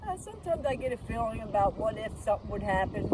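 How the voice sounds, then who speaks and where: A woman's voice: a little high, very animated, fast talker, a little mellow. An older woman, a local resident, answering casually in an outdoor street interview. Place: outdoors near a house. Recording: very noisy, windy, far from mic.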